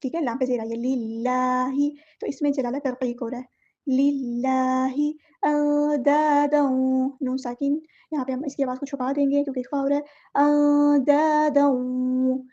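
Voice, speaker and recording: A woman teaching Quran recitation rules, explaining each word and then reciting it slowly and drawn out. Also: sits high, mellow, highs cut off. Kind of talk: tajweed lesson.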